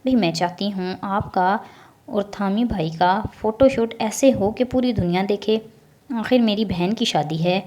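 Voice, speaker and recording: A woman voicing a cheeky, lazy teenage girl who teases her family in a bubbly, higher voice, in a storybook reading. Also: a little mellow, close to an everyday voice.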